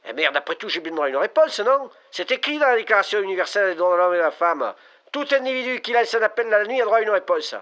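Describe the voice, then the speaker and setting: A man's voice: high voice, fairly bright tone, lo-fi sound, pitched above the performer's own voice. An actor playing a lonely, frightened young man calling in from a payphone at night, his voice sounding distant on the line. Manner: pleading, breaking into panic. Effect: payphone call, distant caller on the line. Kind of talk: stage monologue acting.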